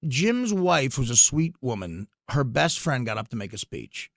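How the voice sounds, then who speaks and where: A man, a comedian, telling stories on a podcast, excitable, his voice jumping up and getting loud at the punchlines. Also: medium pitch, unhurried, creaky, no echo, clean studio sound. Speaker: comedian guest. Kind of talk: podcast storytelling.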